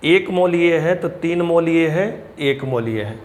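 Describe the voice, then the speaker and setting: A man teaching chemistry, explaining step by step, addressing students as children and reading English terms slowly. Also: fairly high pitch, animated. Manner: reads English question lines slowly and deliberately. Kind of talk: blackboard lecture.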